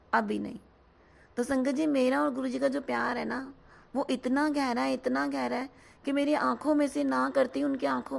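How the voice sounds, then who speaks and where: Hoarse, gravelly high-voiced woman. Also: a little mellow. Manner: earnest, keeps addressing listeners as sangat ji. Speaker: devotee sharing a satsang. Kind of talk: devotional testimony talk.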